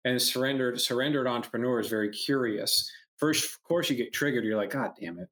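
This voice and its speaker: A man's voice: mid-range voice, a little fast. A man, an entrepreneur and mentor, talking casually in a conversation and acting out customers while he tells stories. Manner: animated storyteller, acts out quoted customers, swears, many restarts.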